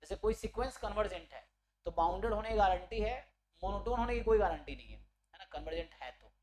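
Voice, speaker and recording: A man's voice: sits high, expressive, fast talker, crowd noise, poor audio. A man giving an online exam-prep maths lecture. He explains step by step, keeps checking in with his students, and corrects himself mid-sentence. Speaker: maths teacher.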